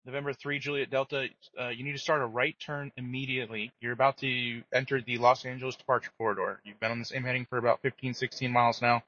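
A man working as an air traffic controller, giving brisk, procedural instructions over the radio. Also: medium pitch, little pitch movement, bright, forceful tone. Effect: radio transmission. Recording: muffled lo-fi radio audio.

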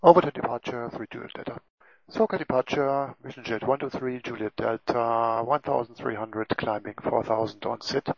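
A man's voice: medium pitch, normal speed, creaky. A male pilot making clipped radio calls to air traffic control through his cockpit headset. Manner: clipped aviation phraseology. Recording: muffled aviation radio.

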